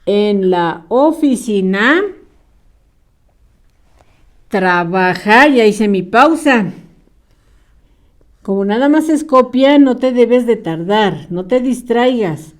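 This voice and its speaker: Slow, patient woman teacher dictating. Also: on the high side, animated. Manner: dictates word by word with long pauses, patient and encouraging. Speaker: primary school teacher. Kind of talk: slow dictation lesson for young children.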